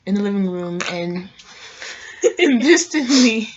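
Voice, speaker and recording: A woman's voice: medium pitch, lively intonation, slow pace, dull audio, slight background noise. A young woman reading a ghost story aloud in a casual vlog, chatty and sometimes stumbling on words. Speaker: co-host reading scary stories.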